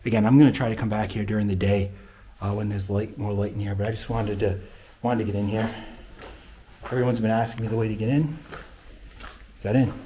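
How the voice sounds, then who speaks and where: With a warm, fairly low voice and fairly even intonation, a man talks fairly quickly to his viewers during a casual exploring vlog. He's filming on a handheld phone in an abandoned mausoleum at night, and the audio is noisy.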